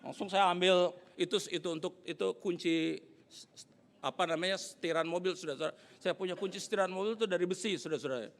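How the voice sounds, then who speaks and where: A middle-aged man preaching a sermon as pastor, telling stories with lively, animated delivery. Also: high-pitched, quick pace. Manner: animated storytelling, acting out angry shouts. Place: church hall. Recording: echoey church hall.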